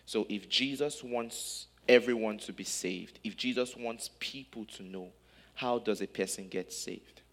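Slow, low-voiced Nigerian-born man preaching. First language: not German. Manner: speaks in short phrases, pausing for the interpreter. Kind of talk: sermon in English with live interpretation.

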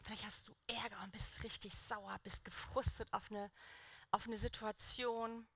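A woman's voice: mid-range voice, flat delivery, moderate pace, creaky, a bit bright, breathy edge, no echo. A young woman preaching a sermon in an earnest, conversational way, putting direct questions to the congregation.

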